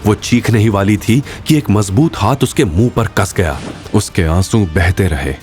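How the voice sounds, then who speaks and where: A man narrating a scripted audio drama in a dramatic, expressive storytelling manner. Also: lowish voice, normal speed, soft background music.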